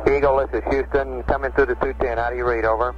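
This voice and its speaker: A man's voice: medium pitch, flat delivery, fast talker, dull audio, noisy background. A man working as a mission control communicator, exchanging procedural calls over space radio. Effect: space radio transmission. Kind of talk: radio call-and-response procedure talk. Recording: band-limited 1960s mission radio, music behind.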